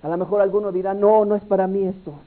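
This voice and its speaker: Male preacher, very high voice, urgent altar-call sermon, hushed to shouting, tinny lo-fi sound with soft music behind. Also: flat delivery, quick pace. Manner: swings from hushed pleading to loud impassioned cries.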